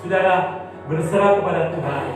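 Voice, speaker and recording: A man preaches with high-pitched, animated delivery, swinging from ringing cries to quiet murmurs. He is heard from a distance in a booming, reverberant church hall. Music plays softly behind him. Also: brisk. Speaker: pastor. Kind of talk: sermon.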